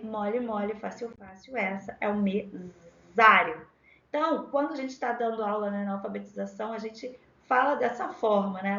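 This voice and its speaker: A woman teacher with a Rio de Janeiro accent, giving an exam-prep lesson and spelling out words sound by sound with drawn-out syllables. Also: a little high, gravelly, fairly bright tone. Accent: Rio de Janeiro Portuguese. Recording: echoey lo-fi room.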